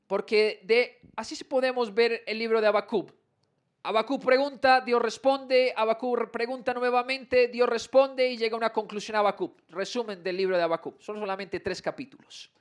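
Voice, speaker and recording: A pastor with a high-pitched male voice preaches in church. He asks his listeners questions, then reads scripture slowly with building emphasis. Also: steady tone, clean tone. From Colombia. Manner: preaches with rhetorical questions to the congregation. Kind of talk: sermon. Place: church sanctuary.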